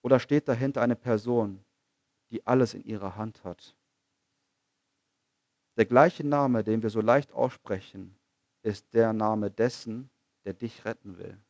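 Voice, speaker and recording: A man preaching a sermon in an earnest manner, asking rhetorical questions, repeating phrases and slowing down on key lines. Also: on the low side, darkish tone, no echo, dull audio.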